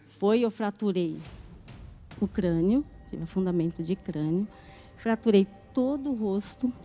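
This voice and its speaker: A woman's voice: medium pitch, unhurried, mellow, soft background music. A middle-aged woman giving an earnest church testimony, acting out the voices in her story. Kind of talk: emotional testimony.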